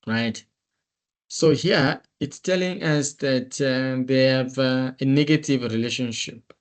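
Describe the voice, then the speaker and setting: A man's voice: mid-range voice, darkish tone. A male instructor on a video call, walking through a screen-share tutorial step by step in a methodical way. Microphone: computer mic on a meeting call.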